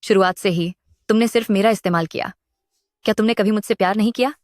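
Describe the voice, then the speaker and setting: A woman's voice: mid-range voice, fast talker, a little mellow, dry recording, clean studio sound, close to an everyday voice. An actress playing a scheming young woman who ends up anguished and pleading, in a dubbed drama. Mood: hurt.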